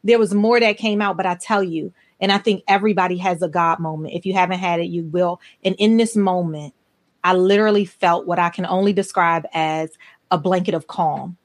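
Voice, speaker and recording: A woman's voice: fairly low pitch, fairly even intonation, a little fast. A woman in her forties hosting a podcast interview, telling personal stories in an earnest, emphatic way. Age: 40s. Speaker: podcast host. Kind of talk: conversational interview.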